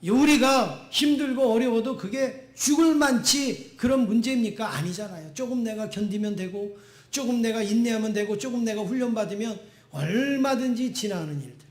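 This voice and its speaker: A man with a high-pitched voice preaches a Sunday sermon, pressing his points by repeating short phrases over and over. His voice rings out through an echoey church room. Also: normal speed. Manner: emphatic, repeats phrases for stress. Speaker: pastor. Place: church sanctuary.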